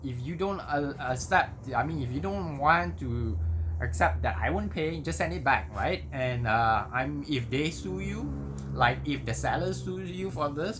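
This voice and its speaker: A man's voice: on the high side, a bit bright, a little hiss or hum. A man talking casually as an unboxing vlogger, conversational and often tagging phrases with okay and right. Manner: conversational, repeats himself with tag words like okay and right.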